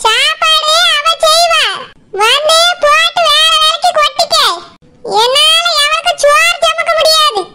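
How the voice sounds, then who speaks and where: A woman doing a shrill scolding cartoon mother-in-law. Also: steady tone, measured pace, sharp tone, heavily acted. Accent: Tirunelveli Tamil. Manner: harsh, mocking, bossy.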